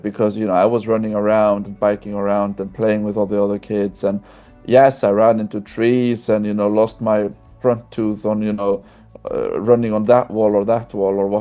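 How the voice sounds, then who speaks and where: A young man from Iceland talks openly as a podcast guest over a video call. His voice sits low and sounds dark and mellow, and he often restarts his phrases in a friendly, easygoing way. Faint music plays softly in the background. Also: level tone, moderate pace. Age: 20s. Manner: friendly, open, with frequent restarts. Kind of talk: casual conversational interview.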